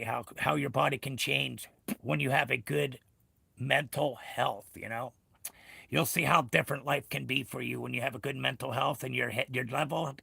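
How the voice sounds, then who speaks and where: A man hosting a casual livestream, talking in an earnest, encouraging, rambling motivational way with a gravelly voice. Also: medium pitch, sharp tone, no echo. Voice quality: gravelly, creaky. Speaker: live stream host. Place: cold unheated room.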